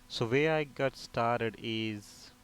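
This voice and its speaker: A repair technician instructor gives an informal, step-by-step technical tutorial at a medium pitch, taking it slowly. His explanatory manner has him posing questions and then answering them himself, and the recording has a clear background.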